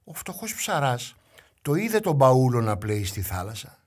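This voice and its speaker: A man narrating a myth for children in a lively, dramatic storytelling manner, dropping to whispers and rising again. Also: medium pitch. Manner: lively, dramatic, shifts between whisper and raised voice.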